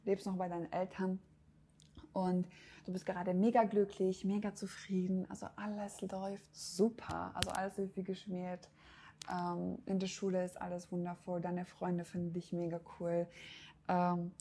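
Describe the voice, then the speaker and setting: A woman's voice: on the low side, level tone, moderate pace, dark tone, slight background noise. A woman hosting a self-help podcast, speaking directly to the listener in a coaching tone with frequent hesitations. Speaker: podcast host. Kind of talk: motivational self-help talk.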